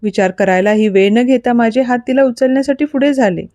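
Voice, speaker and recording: A woman reading a dramatic audio story aloud in an expressive, storytelling manner. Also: fairly high pitch, brisk, dry recording, clean studio sound. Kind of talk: scripted narration of an audio story.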